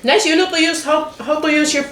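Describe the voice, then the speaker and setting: A cheerful Filipino-accented woman, a mom who explains each dish and nudges her child to eat. She sits back from the mic in a roomy space, so her slightly high voice sounds distant and echoey. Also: steady tone, a little fast. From Philippines. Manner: cheerful, explains the dishes, gently coaxes her son. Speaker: mother in a family food vlog. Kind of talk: casual mealtime chat on camera. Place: home dining table.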